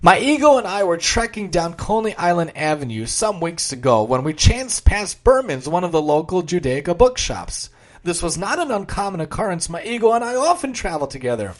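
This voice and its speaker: A man giving a religious talk, telling a story aloud in an expressive, dramatic way. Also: high-pitched, normal speed. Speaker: religious speaker. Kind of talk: sermon with a story read aloud.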